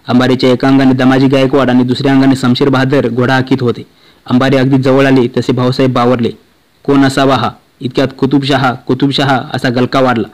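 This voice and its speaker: A man reading a historical novel aloud in a steady, unhurried manner. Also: medium pitch, poor audio. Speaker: audiobook reader.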